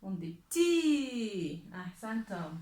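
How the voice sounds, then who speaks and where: A woman teaching letters and sounds at a slow, patient pace, stretching each example word so learners can follow. Her voice sits fairly high, and the room gives back a noticeable echo. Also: animated. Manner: slow, drawn-out modeling of words. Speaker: Arabic teacher. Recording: echoey room.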